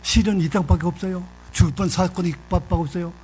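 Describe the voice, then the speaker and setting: Fast-talking older pastor telling a story. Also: male voice, high-pitched, a little hiss or hum. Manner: lively storytelling, folksy asides. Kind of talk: sermon. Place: church.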